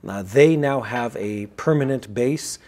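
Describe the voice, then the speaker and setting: A man co-hosting a podcast, talking through analysis quickly with frequent fillers and restarts. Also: mid-range voice, darkish tone. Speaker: podcast co-host. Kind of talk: casual analytical chat. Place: Israel.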